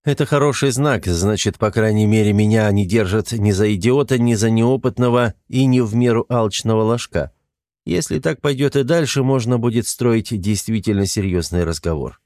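A man narrating a first-person audiobook in an even, restrained, matter-of-fact delivery. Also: on the low side, normal speed, dry recording, clean studio sound.

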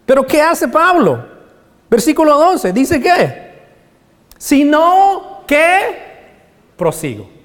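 A male pastor preaching a sermon with passion, swinging from hushed lines to loud exclamations. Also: very high voice, huge pitch swings, a little slow. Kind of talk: Spanish-language sermon. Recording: long reverb of a large hall.

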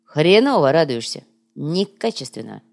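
A woman voicing a coarse male thug who talks curtly and roughly. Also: sits low, sing-song, normal speed, a little mellow, heavily acted. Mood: grumbling. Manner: rough, curt.

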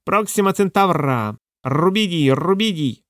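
A man voicing a small sick green parrot that shrieks single words in a hoarse voice. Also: animated, unhurried, dry recording, studio quality. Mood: shrieking. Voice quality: hoarse, shrill.

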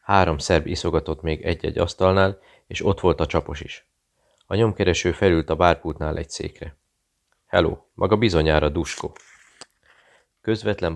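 A man narrates an audiobook in an even, measured way. His voice is extremely low, with a rough, gravelly texture. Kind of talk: scripted narration.

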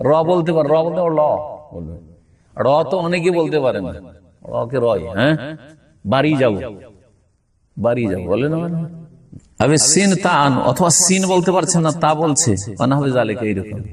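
A man's voice: fairly high pitch, big pitch swings, slightly rough. Man teaching from a distance. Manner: explains slowly, checks understanding with frequent rhetorical questions; recites Arabic passages with careful pronunciation. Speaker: religious teacher. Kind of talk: classroom lecture on Islamic law.

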